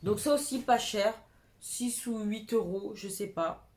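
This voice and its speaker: A woman's voice: medium pitch, a little slow, a little mellow. A young woman chatting casually and enthusiastically while showing off clothes she bought secondhand, dropping slang as she goes. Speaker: fashion vlogger. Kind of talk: casual clothing haul chat.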